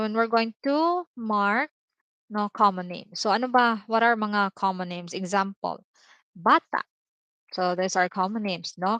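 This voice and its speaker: A woman with a Filipino accent teaching a language lesson on a livestream, explaining slowly with many repeated examples and tag words. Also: mid-range voice, a bit bright, no echo. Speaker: Tagalog teacher.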